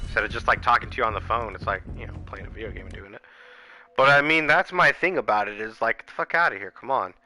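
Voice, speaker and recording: A man's voice: fairly low pitch, fast, bright, forceful tone. A man ranting casually and profanely while streaming a video game. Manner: profane, rambling, heated. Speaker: gaming streamer. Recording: music playing clearly behind the voice.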